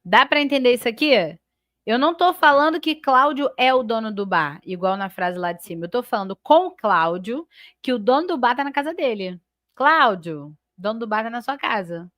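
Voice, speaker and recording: Brazilian woman teaching grammar live, highish voice, dry sound, keeps checking in with viewers. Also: expressive, a little fast, a bit bright, no echo. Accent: Brazilian Portuguese. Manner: explains step by step with frequent checks like "né?" and "tá?"; stretches and stresses key words while labeling sentence parts. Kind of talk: live online class.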